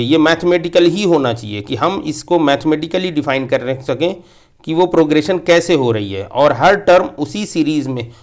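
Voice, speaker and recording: A maths teacher with a slightly raised pitch delivers a classroom lecture, recorded close to the mic. He works through the material step by step, circles back to repeat key points, and mixes English terms into his explanation.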